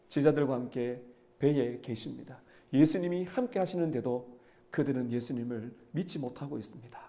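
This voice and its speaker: A man's voice: on the high side, dark tone. A male pastor giving an earnest sermon, often putting rhetorical questions to his listeners.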